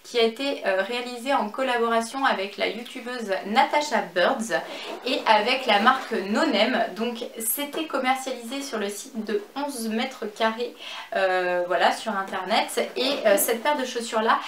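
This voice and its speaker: A French woman with a somewhat high voice talks her way through a haul in her home office, chatty and full of fillers. Her voice bounces around an echoey room, with a faint hiss behind it. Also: fairly bright tone. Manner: chatty, many fillers, slow over items. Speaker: beauty and fashion YouTuber. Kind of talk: casual haul vlog.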